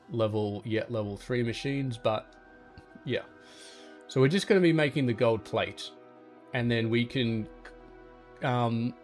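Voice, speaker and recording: A man giving relaxed gameplay commentary, thinking aloud as he plans and talks to things in the game, with soft music behind him. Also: medium pitch. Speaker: gaming channel host.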